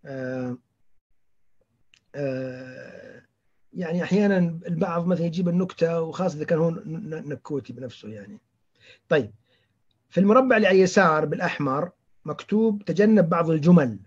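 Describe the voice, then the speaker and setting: Guy teaching a class, high husky voice, muffled lo-fi sound. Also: fairly quick, long pauses. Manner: animated, quizzes students by name, acts out example dialogues. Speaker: trainer teaching patient counseling. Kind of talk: interactive lecture. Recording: muffled lo-fi recording.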